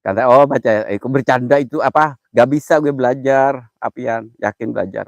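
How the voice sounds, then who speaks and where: A man's voice: mid-range voice, moderate pace, gravelly, no room sound, muffled recording. Jittery man on a live stream. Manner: jittery, mutters prayers under his breath between loud chatter. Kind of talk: casual live-stream chat.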